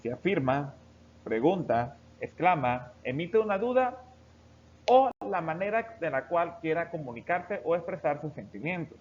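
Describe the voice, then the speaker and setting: A man with a fairly high voice gives a recorded lesson. He explains each point steadily and speaks straight to his students. The recording sounds dull and lo-fi, with a faint hiss behind it. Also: unhurried. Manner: steady explanatory delivery, addressing students directly. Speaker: teacher.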